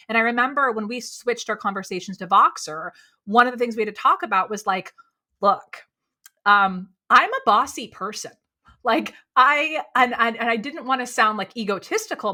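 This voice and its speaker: A low-voiced woman who works as a speaking coach appears as a podcast guest in a candid, conversational interview. She's animated and quick, saying "like" a lot.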